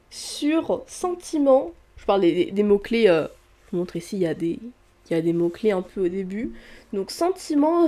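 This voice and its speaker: A young woman chats casually into the camera about her reading. Her voice is warm and mellow. She rambles, restarts her sentences and fills the pauses with hesitations. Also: a little high. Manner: chatty, hesitant with many fillers and restarts. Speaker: book vlogger. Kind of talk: casual vlog chat. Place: indoor room with street traffic outside.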